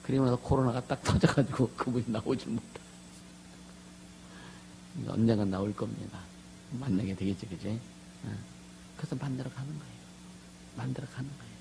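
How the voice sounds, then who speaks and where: A pastor with a gravelly, fry-edged voice preaches a lively sermon, drawing amens from the congregation. His voice moves from murmured asides to full shouts, and a faint hum sits under the recording. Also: mid-range voice, fairly quick, pauses often. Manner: animated, asks the congregation for amens, swings from soft asides to loud shouts.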